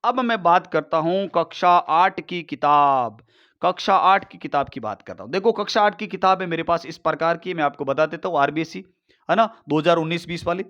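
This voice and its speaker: A man teaching an exam-prep lesson, talking fast and repeating himself, often calling viewers brother. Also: fairly high pitch, lively intonation, a bit bright, dull audio. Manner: rapid, repetitive, addresses viewers as brother.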